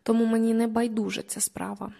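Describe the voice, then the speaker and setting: A woman reading an audiobook, voicing an anxious, shy young woman in a slightly high voice. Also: little pitch movement, gravelly, mellow. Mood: hesitant. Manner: timid, hurried.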